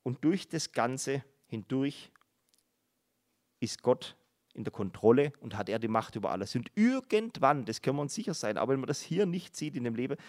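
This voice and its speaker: A man's voice: medium pitch, animated, normal speed, darkish tone. Middle-aged male preacher; earnest, explanatory Bible teaching with emphatic repetitions.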